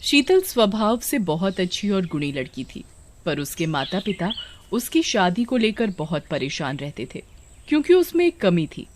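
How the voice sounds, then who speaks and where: A woman narrating a storybook tale in a steady, expressive reading voice. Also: medium pitch, normal speed, slight background noise.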